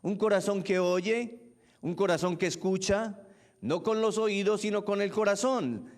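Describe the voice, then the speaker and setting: A man's voice: high voice, unhurried. A man preaching a sermon as pastor, repeating key phrases and putting questions to the congregation.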